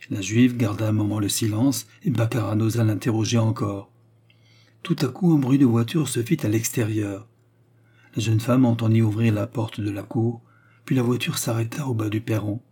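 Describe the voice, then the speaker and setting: A man reading a classic novel aloud as audiobook narration, in a measured literary manner. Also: on the low side, steady tone, mellow, slightly rough.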